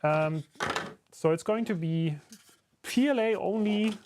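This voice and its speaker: With a high voice, the German streamer takes his time, and background noise is audible. Speaking accented English, he builds a 3D printed enclosure live and chats with viewers. He stays relaxed and conversational, leaning on plenty of fillers.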